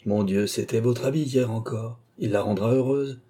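A man voicing a long-suffering wife and mother who stands up to her husband, in a dark, husky voice raised a little above his own. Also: mid-range voice, moderate pace, voice pushed up, close to an everyday voice. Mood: indignant. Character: wife, a resigned mother, now defiant, a woman of middle age.

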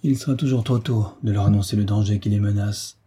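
A bold young hero who gives orders, read by a man. He sounds commanding on a dark, husky voice, pitched low. It is an audiobook reading. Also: fairly even intonation, fast talker. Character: bold young male hero, quick-tempered leader.

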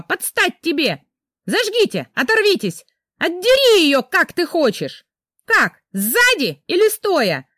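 A woman's voice: extremely high pitch, sharp tone, no echo, studio quality, voice pushed up, exaggerated voice. A woman voicing a jealous young wife who screams accusations at her husband, in an audiobook reading. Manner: shrieking accusations. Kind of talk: audiobook character voice.

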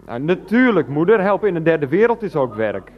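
In a Dutch radio play, an actor with a slightly high, sing-song voice speaks fairly quickly as a grown son coaxing his mother over the phone. He stammers, pleads, and keeps getting interrupted, over soft background music in a dull, band-limited radio recording.

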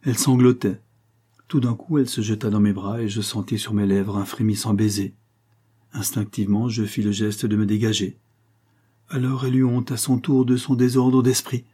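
A man reading a classic French short story aloud in a measured literary style, as an audiobook narrator. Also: on the low side, little pitch movement, mellow, husky. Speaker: audiobook reader. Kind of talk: scripted narration.

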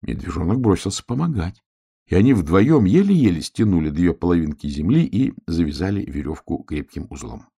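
Man, very deep voice, gravelly, lively intonation, storybook narration. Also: normal speed. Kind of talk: storybook reading.

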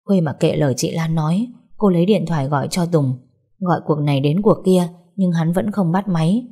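Calm woman narrating a story. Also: sits low, fairly quick, slightly rough.

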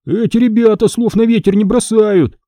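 A jumpy boy sidekick fires off nervous quips in a high, springy voice, as a man puts him on. The sound is dark and a little husky, and the room is dry. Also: sing-song, no echo. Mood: jittery. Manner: jittery, quick quips. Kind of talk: audiobook character reading.

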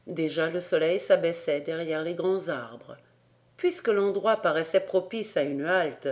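A woman narrating a classic novel as an audiobook reader, with clear, steady delivery. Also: fairly low pitch.

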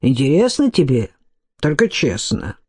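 A woman's voice: extremely low pitch, very animated, a little mellow, slightly rough, voice pushed down, full character voice. Woman doing a huge, scornful brute of a man. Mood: brooding. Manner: slow, scornful, brooding. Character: huge gruff mocking man, reckless and grim.

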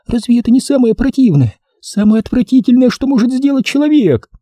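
A man's voice: high voice, lively intonation, fast, warm tone, husky, dry recording, clean studio sound, pitched above the performer's own voice. A man voicing a terrified young woman pleading for help over the phone, wailing and whispering in hysterics. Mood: frightened.

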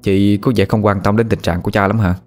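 A man's voice: fairly low pitch, fairly even intonation, fast talker, a little mellow, faint music behind, natural voice. A man voicing an anxious young man, a protective brother who pleads and cries out in fear in a ghost story. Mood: uneasy. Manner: tense and pleading, cries out in panic.

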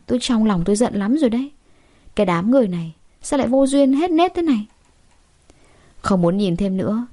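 Give me a woman narrating a story in an expressive, chatty way, warm and mellow. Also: fairly high pitch. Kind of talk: first-person story narration.

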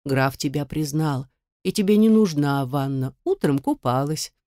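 Woman reading as a gentle old nanny, soft and slow, low voice, dry close mic. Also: expressive, no room sound. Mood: soothing. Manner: soft and hushed. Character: kind, soothing old nanny. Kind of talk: audiobook role reading.

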